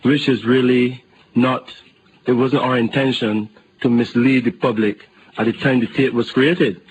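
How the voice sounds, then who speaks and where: A man's voice: medium pitch, fairly even intonation, unhurried, a little hiss or hum, rough recording. A man from Barbados, a guest on a radio interview, who talks hesitantly and repeats words.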